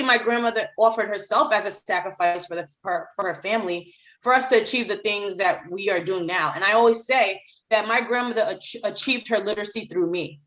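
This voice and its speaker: Woman from Haiti, middle-aged, emphatic, repeats herself for weight, interview guest, mid-pitched voice. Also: fairly bright tone, poor audio. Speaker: children's author, guest. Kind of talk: podcast interview.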